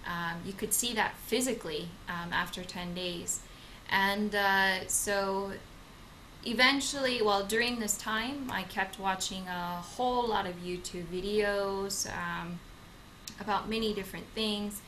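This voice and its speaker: A woman's voice: mid-range voice, unhurried, sharp tone, slight background noise, rough recording. A young woman co-hosting a channel, introducing herself in casual talk with many hesitant fillers and restarts. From Okinawa, Japan; grew up in the United States. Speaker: channel co-host. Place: home in Madrid.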